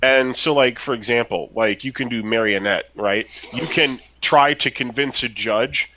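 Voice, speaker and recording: A man's voice: medium pitch, moderate pace, sharp tone, poor audio. A man chatting casually on a podcast about a role-playing game, rambling with lots of fillers and tag questions. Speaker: podcast co-host.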